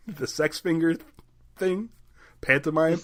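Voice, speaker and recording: A man's voice: a little high, slow pace. A man co-hosting a podcast, chatting casually, laughing easily and hesitating now and then. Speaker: podcast co-host. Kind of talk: casual chat.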